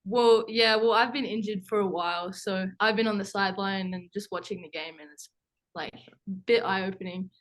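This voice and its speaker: A woman's voice: mid-range voice, steady tone, normal speed, rough recording. A young woman from Tasmania with a Tasmanian Australian accent, answering casually as a college athlete on a video call. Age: young adult. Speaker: college basketball player. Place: indoor team room, video call.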